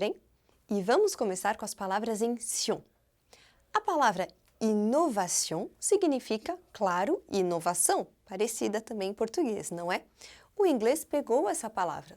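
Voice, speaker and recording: Woman, language teacher on video. Higher voice with a lot of melody. Chatty, clear pronunciation demos. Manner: clear, careful demonstrations of pronunciation; lively and chatty, asks the viewer questions. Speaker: French teacher. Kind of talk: online language lesson.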